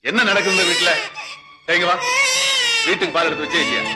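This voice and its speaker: An actor playing a short-tempered man of the house who shouts and berates everyone. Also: on the high side, fast talker, loud music behind the voice, close to an everyday voice. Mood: angry.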